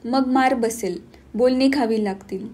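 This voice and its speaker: A woman's voice: on the high side, measured pace, warm tone. A woman voicing a loving but stern village mother, speaking firmly and reproachfully. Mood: stern reproach. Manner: firm, reproachful.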